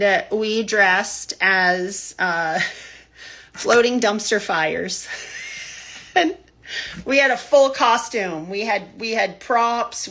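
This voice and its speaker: A woman's voice: mid-range voice, vocal fry, sharp tone. A woman hosting a weekly livestream news brief from inside a tiny house, chatty and laughing often as she greets viewers by name. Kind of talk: casual livestream chat.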